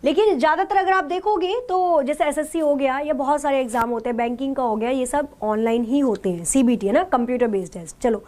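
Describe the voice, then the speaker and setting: A woman teacher taking a live online class, asking questions and then answering them herself, with English terms mixed into her talk. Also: sits high.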